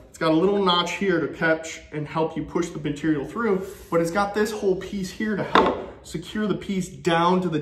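A man in his thirties giving practical shop tips in a casual how-to style, with joking asides. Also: on the high side. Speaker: woodworking channel host. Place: home woodworking shop, indoors. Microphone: camera-mounted, filmed at arm's length and from a tripod. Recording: echoey shop room.

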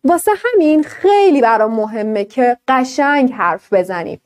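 High, lively woman teaching a class. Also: smooth. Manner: lively, explains with questions to students. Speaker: English teacher. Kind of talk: online class lesson.

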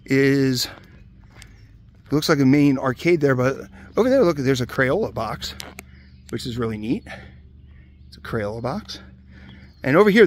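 A man from the Hershey area of Pennsylvania walking through a closed amusement park outdoors, giving relaxed, casual commentary with many "uh"s into a handheld camera. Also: medium pitch, a little hiss or hum. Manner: relaxed, chatty, many "uh" fillers. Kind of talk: casual walk-around commentary.

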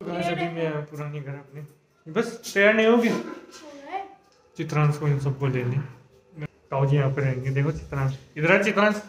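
A young man filming a casual family vlog, chatting and teasing children loudly as he goes. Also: a little high, moderate pace, pauses often. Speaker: vlogger.

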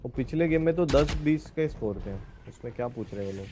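A man with a middle-pitched voice, calmly calling out positions and telling the squad to hold. The chatter has a clear layer of background noise under it. His delivery stays plain and measured throughout. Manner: steady tactical calls, holding positions. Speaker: teammate. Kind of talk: casual gaming chat.

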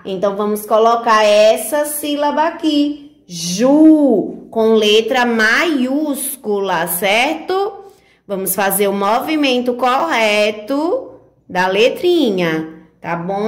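Slow sing-song Brazilian teacher, echoey room. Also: female voice, a little high. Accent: Brazilian Portuguese, northeastern. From northeastern Brazil. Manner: sing-song, drawing out syllables, coaxing questions to children. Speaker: preschool teacher. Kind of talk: slow, sounded-out remote lesson for small children. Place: home or classroom recording for remote teaching.

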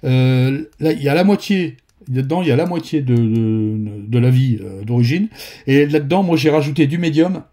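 A man's voice: medium pitch, normal speed, mellow. A man from northern France with a Ch'ti accent, giving a casual painting tutorial in a rambling, friendly way with many fillers and restarts. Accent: northern French (Ch'ti).

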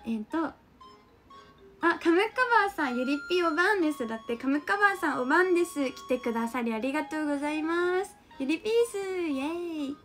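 A high-voiced young woman with a mixed Kansai and Kanto lilt, live-streaming and reading chat aloud. She giggles often and teases her viewers in a chatty, playful way. Faint music plays underneath. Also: expressive, fast talker, fairly bright tone. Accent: mixed Kansai and Kanto intonation. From Japan.

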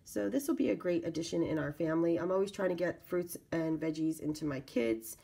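A woman talks casually through an unboxing in a low, raspy voice with heavy vocal fry. She sounds stuffed up with a cold and moves haltingly between reading and commenting. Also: mellow. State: congested from a lingering cold. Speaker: video channel host. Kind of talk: casual product unboxing narration.

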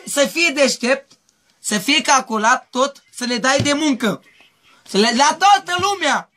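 This man, raised in Mehedinți, Romania, speaks in a piercing, sharp, very high voice. During a street interview he wanders, circling through pleas and repeating identical questions again and again.

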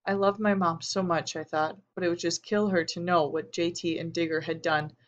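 Low-voiced woman narrating an audiobook. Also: steady tone, normal speed, muffled recording. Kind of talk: scripted narration.

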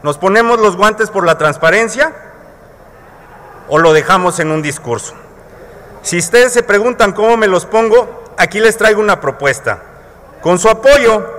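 A man's voice: high voice, a bit bright. Mexican man speaking in a big chamber. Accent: Mexican Spanish. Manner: colloquial, rhetorical questions to colleagues. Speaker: legislator. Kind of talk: parliamentary floor speech. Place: large legislative chamber, indoors. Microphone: podium microphone. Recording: long reverb of a large hall.

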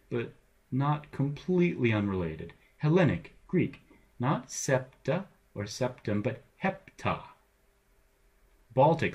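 A man, middle-aged, giving a playful, animated recorded lecture, reading out word lists with jokes along the way. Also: medium pitch, slightly rough. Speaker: teacher.

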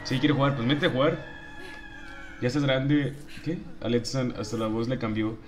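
A man's voice: medium pitch, normal speed. A young man with a Mexican accent streaming a game, chatting casually in slang and greeting viewers by name. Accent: Mexican Spanish. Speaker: gaming streamer. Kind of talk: casual livestream chat while gaming.

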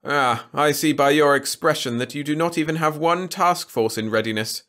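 Narrator playing a haughty alien emperor, lofty, loud, slow and commanding. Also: male voice, fairly high pitch, pitched above the performer's own voice, lightly acted. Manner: haughty, commanding, drawn-out delivery. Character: pompous, imperious male alien emperor.

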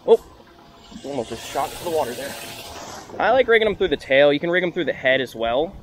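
A young fishing vlogger with a slightly high, very animated voice talks briskly to an action camera mounted on his small open flats boat. He's upbeat and casual, chatting to the lens while working the line, with wind and boat noise all around outdoors.

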